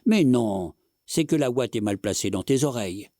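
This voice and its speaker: A man's voice: mid-range voice, lively intonation, normal speed, dry recording, clean studio sound, close to an everyday voice. A man voicing an irritable young wife who scolds her husband impatiently. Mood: scolding. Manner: sharp, scolding.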